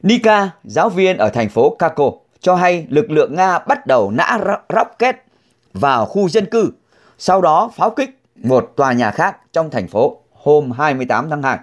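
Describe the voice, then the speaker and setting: A man reading news stories aloud to his listeners in a halting, deliberate way, with emphatic pitch swings. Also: very animated. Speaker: news reader.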